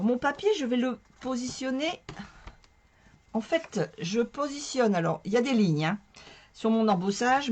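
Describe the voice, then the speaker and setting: A woman with a hoarse, strained voice explaining a card-making tutorial in a chatty, self-mocking way as she works. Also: medium pitch, a little mellow. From northern France. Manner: chatty, talks to viewers while working, self-mocking. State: hoarse from a sore throat. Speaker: craft tutorial host. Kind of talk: casual crafting tutorial.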